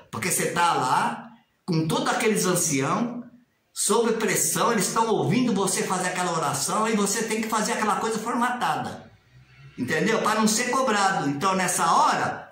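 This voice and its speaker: This casual video commentary comes from a religious commentator, a man in his sixties with a Brazilian Portuguese accent, speaking animatedly to a desk-distance webcam. The small tiled room makes his high-pitched, slightly bright voice very echoey; his intonation is lively, his pace a little fast, and he sometimes mimics formal prayers in a raised sing-song.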